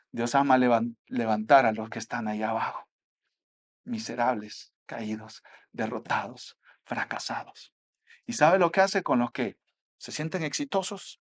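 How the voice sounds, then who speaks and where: Emphatic Mexican pastor preaching. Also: male voice, medium pitch. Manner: emphatic, swinging between soft asides and loud exhortation. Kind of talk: sermon.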